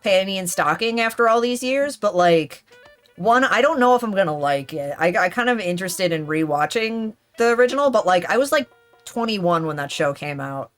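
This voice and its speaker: A woman's voice: medium pitch, expressive, moderate pace, faint music behind. A woman in her thirties streaming a game, chatting in a rambling, casual way and swearing freely. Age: 30s.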